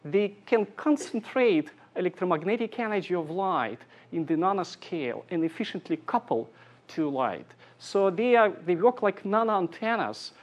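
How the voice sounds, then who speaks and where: A man from Siberia, giving an academic engineering lecture in thoughtful, halting phrases with dry humor. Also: sits high, lively intonation. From Siberia, Russia.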